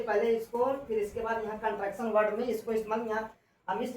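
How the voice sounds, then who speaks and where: A woman English teacher giving a classroom lesson on contractions, spelling out letters slowly and repeating herself. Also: fairly high pitch, recorded from a distance. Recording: echoey room, voice from off-mic, faint noise.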